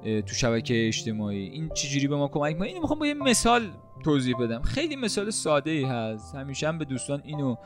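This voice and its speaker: A man's voice: on the high side, very animated, few pauses, music in the background. A young man sitting and talking to his camera about helping people online, explaining with everyday examples and asking rhetorical questions. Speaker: content creator. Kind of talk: casual talk to camera about helping others. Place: room, seated.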